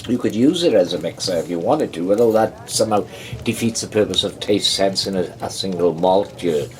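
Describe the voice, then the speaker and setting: Deep-voiced man rambling through a tasting. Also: expressive, low-quality recording. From United Kingdom. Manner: rambling, halting, with many ums and restarts. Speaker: whisky reviewer. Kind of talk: casual tasting review with a joke told aloud.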